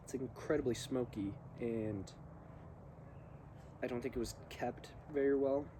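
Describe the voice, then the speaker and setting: A man reading poems aloud and musing on them in halting short phrases while he smokes a cigar. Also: medium pitch. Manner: smoking a cigar while talking. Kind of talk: slow, musing poetry reading with casual asides. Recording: faint ambient background noise.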